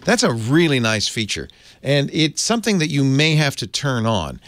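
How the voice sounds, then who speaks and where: Male tutorial host, easygoing and chuckly; animated pitch, dry sound. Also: moderate pace, no room sound. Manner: chatty, chuckles often, easygoing explaining. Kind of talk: casual tech tutorial.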